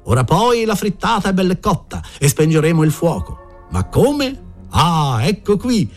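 A man's voice: high voice, big pitch swings, a little slow, darkish tone, soft background music, pitched above the performer's own voice. A man voicing a cheeky young boy who shows off a trick with bossy, playful instructions.

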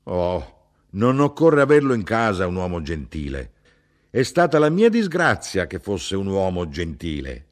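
A man reading the part of a blunt, indignant middle-aged mother who talks in a sharp, insistent way. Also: wildly swooping pitch, a little slow, heavily acted. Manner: sharp, insistent, rising in pitch.

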